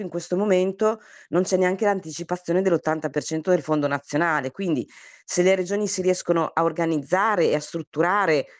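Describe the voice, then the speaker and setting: A hoarse regional councillor explains funding policy in an interview, in a measured way with frequent hesitation fillers. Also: medium pitch, no echo.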